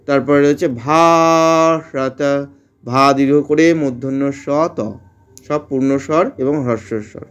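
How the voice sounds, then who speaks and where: A man teaching Sanskrit verse pronunciation, chanting lines slowly syllable by syllable between short explanations. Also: mid-range voice, steady tone. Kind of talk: slow syllable-by-syllable pronunciation lesson.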